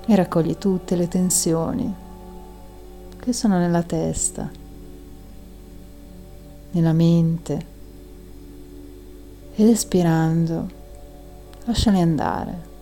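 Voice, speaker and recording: Slow, low, mellow woman guiding meditation. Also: faint music behind. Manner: slow, calming delivery with long audible exhales. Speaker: guided meditation instructor. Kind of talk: soft, soothing guided breathing meditation.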